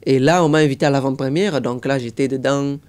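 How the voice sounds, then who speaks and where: A man's voice: mid-range voice, quick pace, clear, resonant tone. A young man talking casually as a guest in an interview, telling stories and dropping into voices now and then. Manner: lively storyteller, slips into voices and accents. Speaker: guest, impressionist.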